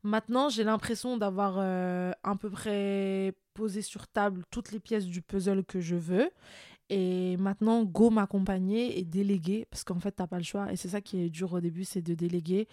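A woman's voice: fairly low pitch, mellow. Candid, talkative French woman. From France. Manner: candid, talkative, frequent fillers. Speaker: guest, entrepreneur and influencer. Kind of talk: casual interview chat.

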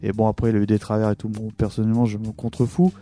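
A man's voice: on the low side, flat delivery, rapid-fire, mellow, soft background music. A man co-hosting a podcast about old records, talking casually, chatty and teasing with frequent laughs. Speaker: podcast co-host. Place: recorded together in person.

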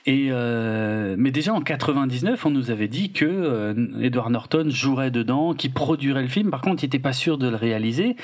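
Man, casual film chat, laid-back, rambling, hesitant, mid-pitched. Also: animated, normal speed, hardly any pauses. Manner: rambling, laid-back, lots of filler and hedging. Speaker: podcast co-host.

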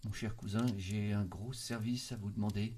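A man's voice: fairly low pitch, steady tone, normal speed, a little mellow, slight background noise, lightly acted. A man voicing an anxious young woman cousin in an audiobook, stammering and pleading on the edge of tears. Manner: stammering, pleading, breaking into sobs. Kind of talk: audiobook character voice.

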